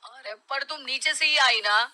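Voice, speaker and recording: A woman's voice: high voice, measured pace, bright, forceful tone, heavily acted, poor audio. A woman voicing a grown husband and father who grumbles and makes demands. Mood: grumbling.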